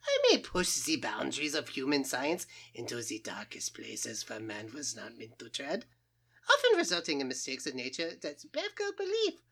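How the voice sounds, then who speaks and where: A woman's voice: a bass voice, wildly swooping pitch, moderate pace, a bit bright, slightly rough, full character voice. A woman voicing a boastful, eccentric male mad scientist with a put-on German accent, blustering and cackling in a comic radio play. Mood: pompous, ranting. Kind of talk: comic old-time radio play acting.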